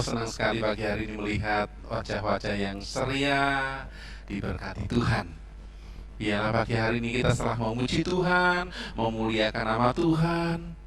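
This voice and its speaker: A man teaching Sunday school, telling a Bible story to children with animated, dramatic swings, in an echoey church hall away from the mic. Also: mid-range voice, recorded from a distance, a little hiss or hum.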